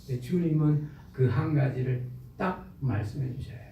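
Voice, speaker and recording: A man's voice: medium pitch, normal speed, gravelly, dull audio, a little hiss or hum. A male pastor preaching a sermon in a church sanctuary, emphatic and full of rhetorical questions to the congregation. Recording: echoey church hall, mic far off.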